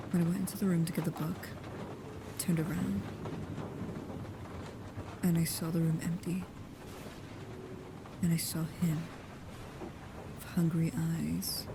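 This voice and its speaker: In an intimate ASMR roleplay, a woman with a deep voice plays a guarded, protective vampire with a painful past. She speaks slowly, softly and hesitantly, often dropping to a whisper, over a noisy background.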